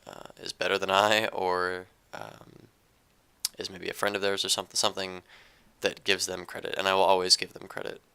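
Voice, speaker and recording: Subdued, monotone young man, creaky low voice. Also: moderate pace. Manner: hesitant, with fillers and restarts. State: recovering from an illness. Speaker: poetry channel creator. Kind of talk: casual talk to camera, then poetry reading.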